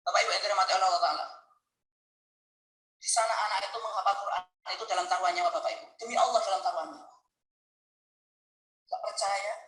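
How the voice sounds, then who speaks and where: A man preaching a sermon, telling a story with deep emotion and speaking straight to his listeners. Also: fairly even intonation, fast talker, long pauses, reverberant, noisy background. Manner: emotional, earnest storytelling, addresses listeners directly. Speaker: Islamic preacher. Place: mosque hall.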